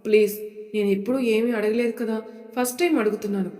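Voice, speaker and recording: A woman's voice: a little high, fairly even intonation, fast, warm tone, roomy sound, big-room sound, faint music behind, lightly acted. A woman voicing a shy, innocent young bride who pleads anxiously, in a storybook audio tale. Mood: pleading.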